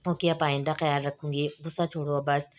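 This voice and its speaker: A woman's voice: sits low, level tone, fairly quick, natural voice. A woman reading a novel aloud and voicing a young wife who answers her husband in a plain explaining tone. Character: young wife, defensive but soft.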